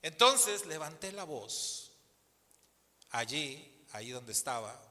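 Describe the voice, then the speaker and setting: Animated Mexican pastor in a reverberant hall. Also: male voice, on the high side, slow. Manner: animated storyteller who acts out the people in the story. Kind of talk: storytelling sermon. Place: church hall.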